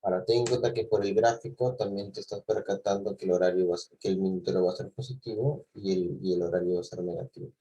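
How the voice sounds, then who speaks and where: Low, husky male math teacher. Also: fairly even intonation, fast talker, few pauses, mellow, rough recording. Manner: patient, asks "¿sí?" and "¿de acuerdo?" often, restarts phrases. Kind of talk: explaining a clock-angle problem to students.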